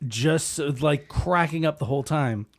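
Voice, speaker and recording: A man's voice: a little high, moderate pace. A man co-hosting a podcast in casual comedic chat, rambling and sweary as he talks. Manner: profane, rambling, conversational. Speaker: podcast co-host.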